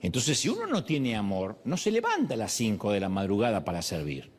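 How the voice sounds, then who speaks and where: A man from Argentina with an Argentine accent, a pastor preaching a sermon in animated storytelling style with rhetorical questions. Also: fairly low pitch, brisk. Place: church.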